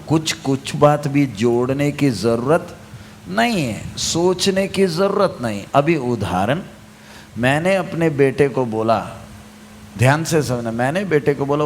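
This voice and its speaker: Male preacher, slightly high voice with faint background noise, unhurried and emphatic sermon delivery. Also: expressive. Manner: asks the congregation questions and waits for answers; emphatic, repeats key phrases. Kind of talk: sermon to a congregation.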